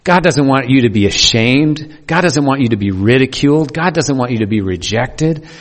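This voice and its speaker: A man's voice: medium pitch, animated, moderate pace. A man preaching a sermon earnestly, with playful asides to the congregation. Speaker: pastor. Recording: long hall reverb.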